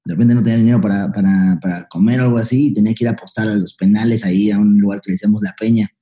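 A young Mexican man recounts his past in quick, tumbling speech, slipping into slang and acting out what people said. His voice sits very dark and low in color. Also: fairly even intonation. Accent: Mexican Spanish. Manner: fast, slangy, acts out past dialogue. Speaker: guest, comedian. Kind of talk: candid storytelling interview.

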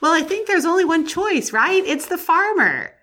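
A woman's voice: very high voice, very animated, moderate pace, bright, forceful tone. A woman co-hosting a podcast, chatting casually and enthusiastically about a book, laughing often. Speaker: podcast co-host.

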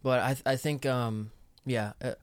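A man co-hosting a podcast in casual chat, joking and halting as he goes. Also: mid-range voice, steady tone, clean tone, dry recording. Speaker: podcast co-host, counselor.

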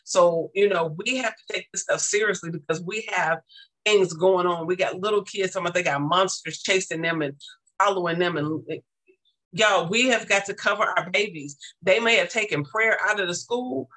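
Male teacher, high bright voice, emphatic repetitive preaching cadence, casual testimony. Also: poor audio.

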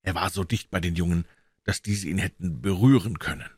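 Male audiobook reader, deep and steady, dry studio sound. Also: breathy edge, dry recording. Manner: measured, even storytelling. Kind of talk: reading a classic novel aloud.

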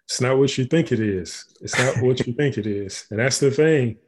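A man's voice: medium pitch, normal speed, slightly rough. Man, podcast co-host, casual, restarts a lot, mid-range voice. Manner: rambling, frequent restarts and fillers. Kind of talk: casual conversation.

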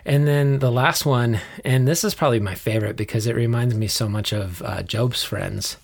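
A man's voice: medium pitch, moderate pace, creaky, slightly rough. A man with an American accent, co-hosting a podcast in a conversational style. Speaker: podcast co-host.

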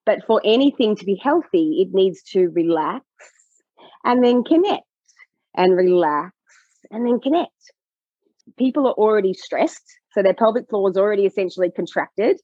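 A woman pelvic health coach explaining her work in a podcast conversation, animated and acting out what clients say. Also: mid-range voice, moderate pace, slightly rough, no room sound, highs cut off. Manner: animated, acts out clients' voices.

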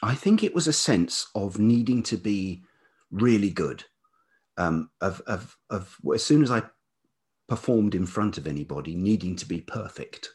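Being interviewed on a podcast, a middle-aged English writer and musician talks in a fairly low, expressive, velvety voice, a little slow, darkish, and slightly rough. He's reflective and tentative, repeating words as he searches for them.

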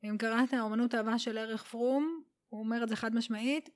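A woman guest on a podcast, explaining spiritual ideas in an unhurried, warm way and dropping in English phrases. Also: a little high, fairly even intonation. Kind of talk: casual explanatory conversation.

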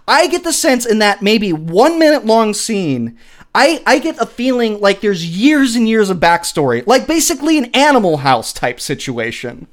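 Male podcast co-host: enthusiastic, analytical film chat, lively melodic delivery, restarts mid-sentence. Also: sits high, moderate pace. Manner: enthusiastic, analytical, stumbles and repeats words. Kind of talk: casual film discussion.

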